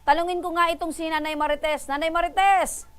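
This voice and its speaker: A woman with a high voice hosts a call-in program on the radio. She mediates between the callers, pressing them with brisk, probing questions and teasing them along the way. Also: steady tone. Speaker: host.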